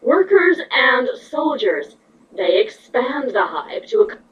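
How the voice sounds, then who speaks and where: A woman's voice: on the high side, sing-song, slow. Woman as distant, muffled changeling queen Chrysalis. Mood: blunt. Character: Chrysalis, proud wary female insect-like changeling queen. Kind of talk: character reading of fan fiction. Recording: dull distant mic, noisy background.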